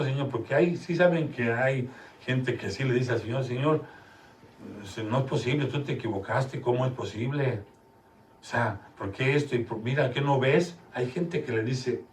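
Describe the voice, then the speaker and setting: A man's voice: on the low side, darkish tone, a little hiss or hum. A man preaching a sermon as pastor, emphatic and often putting questions to his congregation during a church service. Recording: roomy, distant mic, faint ambience.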